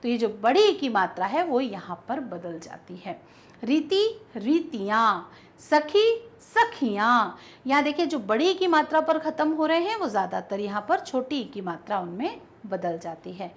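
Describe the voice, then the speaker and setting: A young woman teacher explaining grammar to school students, reading word pairs aloud with clear stress. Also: fairly high pitch, animated, normal speed, few pauses.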